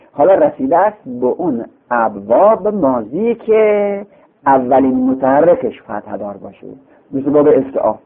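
A man with a gravelly, fairly high voice teaches a classical text, lingering on each point and repeating example words in a sing-song way. His pitch swings widely as he explains. The sound is thin and tinny, as if heard over a phone line. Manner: patient and repetitive, chanting example words several times.

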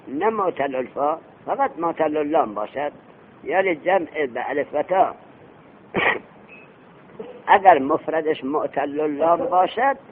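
A male grammar teacher lectures with a lively, swinging delivery, pitched a little high for a man. He drills his students with questions and answers them himself, and he chants the Arabic text slowly before explaining it. The recording is thin and phone-like, with a faint hiss underneath.

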